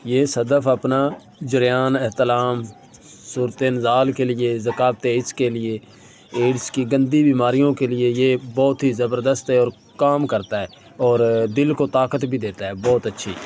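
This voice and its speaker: With slight background noise, an herbal medicine practitioner speaks at a measured pace in a medium-pitched, steady, somewhat mellow voice. He demonstrates a remedy hands-on in a laid-back way, his Urdu shaped by a Punjabi accent, addressing viewers as brother and repeatedly saying "lo ji" and "bhaijaan."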